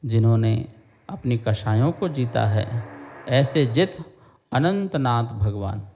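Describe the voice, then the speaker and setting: A man teaching a devotional lesson, slowly explaining a hymn verse by verse, chanting lines and drilling their pronunciation. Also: medium pitch, expressive, darkish tone, a little hiss or hum. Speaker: Jain monk teaching scripture.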